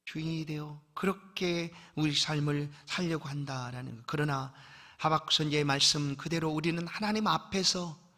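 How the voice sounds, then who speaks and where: A man preaching a sermon as pastor, swinging from loud exhortation down to a hushed, almost whispered delivery. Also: on the high side, moderate pace.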